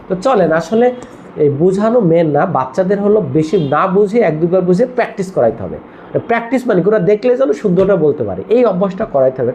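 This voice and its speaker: A man's voice: fairly high pitch, a little mellow, muffled recording, slight background noise. A man teaching a Quran reading lesson, spelling out letters and asking and answering his own questions as he drills each word. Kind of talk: step-by-step recitation lesson.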